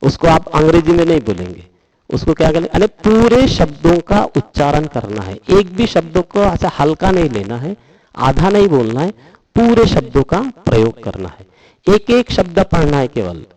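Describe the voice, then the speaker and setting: A middle-aged man giving a Buddhist dhamma talk, explaining Pali verses and chanting them slowly and drawn out. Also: on the high side, big pitch swings, darkish tone, no echo, rough recording.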